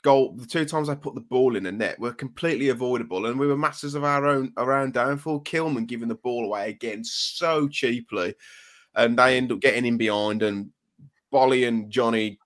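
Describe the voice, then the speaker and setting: A man's voice: mid-range voice, fairly quick. A man hosting a casual football podcast, swearing and stumbling over repeated words as he vents. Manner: swearing, exasperated, repeats words when excited. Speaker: podcast host.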